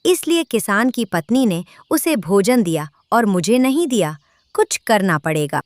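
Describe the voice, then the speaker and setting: A woman acts out a greedy, envious male crow from a children's cartoon. The delivery is insistent and grumbling, swinging widely in pitch. The sound is dry, with no room around it. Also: big pitch swings, measured pace, darkish tone, dry recording. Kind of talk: children's cartoon story acting.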